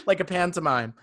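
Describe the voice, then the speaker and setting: A man co-hosting a podcast who chats casually and cuts in with quick, teasing quips. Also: high-pitched, bright, forceful tone. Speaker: podcast co-host. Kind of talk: casual chat.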